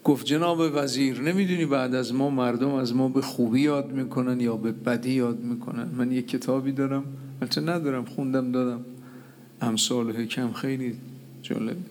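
A man preaching a sermon from the pulpit, telling stories and acting out the dialogue in lively voices. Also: medium pitch, a little hiss or hum. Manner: lively storyteller acting out dialogue, laughing at his own tales.

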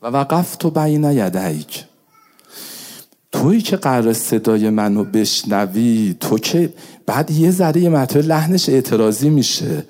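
Man preaching with dark mellow voice. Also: medium pitch, animated. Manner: swings from hushed intimate pleading to raised cries. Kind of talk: religious sermon.

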